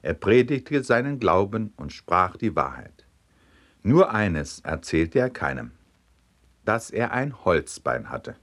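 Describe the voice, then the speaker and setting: A man with a low voice narrates humorous anecdotes as scripted storytelling. He reads with lively, animated swings in pitch, slowing down for the punchlines.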